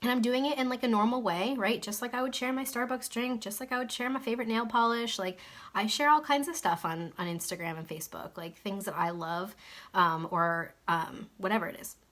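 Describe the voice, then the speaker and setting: A woman's voice: fairly high pitch, fairly quick, a bit bright. A young woman giving casual, reassuring advice to camera, chatty and full of fillers. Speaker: network marketing coach.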